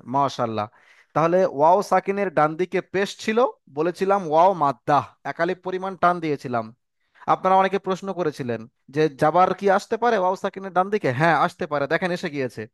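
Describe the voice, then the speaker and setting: A man teaching Quran letter reading in an online class, slow and patient, repeating phrases and calling his students brother. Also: on the high side, no room sound, clean studio sound. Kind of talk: online lesson.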